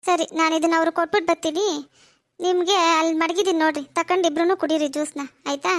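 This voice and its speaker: Woman voicing a cartoon village aunt, very high voice, fussing and hospitable, dry close sound. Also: steady tone, fast talker, no room sound. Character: chatty village aunt, motherly and fussy. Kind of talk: cartoon voice acting.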